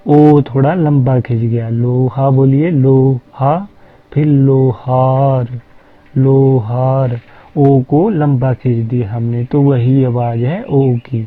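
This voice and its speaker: Slow, patient male teacher on tinny audio. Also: medium pitch. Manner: patient, repeats sounds slowly. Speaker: language teacher. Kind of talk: slow explanatory lesson.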